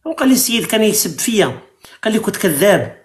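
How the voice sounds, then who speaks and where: A man's voice: sits high, very animated, fast. A man with an Algerian accent hosting a live stream, arguing and lecturing callers in a heated debate. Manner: argumentative, lecturing.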